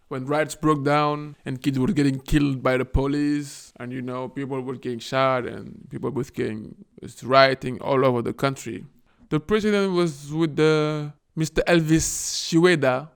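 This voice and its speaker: A gravelly, mid-range male voice belongs to a video host offering casual, irreverent vlog commentary. He swears a lot and acts out the voices of the people he quotes.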